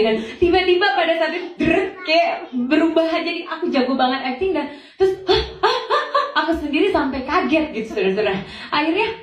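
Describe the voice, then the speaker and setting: A young woman giving a church testimony, telling her story in a lively way and acting out the dialogue for the congregation. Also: high-pitched. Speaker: testimony speaker. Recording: echoey hall, far from mic, dull.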